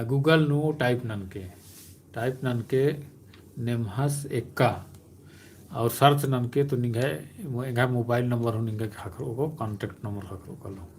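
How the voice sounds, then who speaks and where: Male live-stream host, unhurried and halting delivery, faint hiss behind. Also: mid-range voice, darkish tone. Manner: slow, hesitant, many filler sounds. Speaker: channel host answering live viewer questions.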